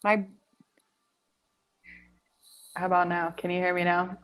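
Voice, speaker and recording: A woman's voice: fairly low pitch, flat delivery, quick pace, a bit bright. A woman chatting casually over an online call while her voice breaks up on a bad internet connection. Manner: laid-back, chatty. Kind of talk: casual chat. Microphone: earbuds on a call. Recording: dull lo-fi call audio.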